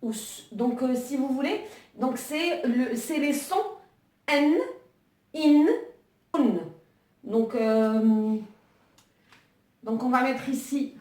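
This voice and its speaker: A woman's voice: fairly high pitch, slow pace, dark tone. A woman teaching an online Arabic lesson, explaining patiently with many fillers and restarts while she writes. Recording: echoey room, voice from a distance.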